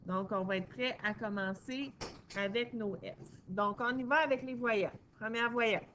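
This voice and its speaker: A woman teacher, giving a recorded phonics lesson to young children in a patient, encouraging way and sounding out syllables slowly. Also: a little high, fairly bright tone, slight background noise. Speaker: primary school teacher.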